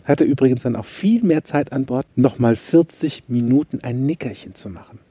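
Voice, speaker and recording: A man's voice: mid-range voice, normal speed, dark tone, slightly rough, no room sound. A man hosting a podcast, chatty and self-mocking as he tells a story and gives motivational tips. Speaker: podcast host, coach. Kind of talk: casual motivational podcast monologue.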